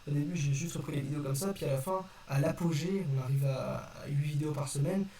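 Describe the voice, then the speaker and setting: A man's voice: a little high, quick pace, dark tone. A young man giving a casual, unscripted explanation to his viewers in a hesitant, apologetic, self-correcting manner. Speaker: video creator addressing viewers. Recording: distant roomy mic with faint noise.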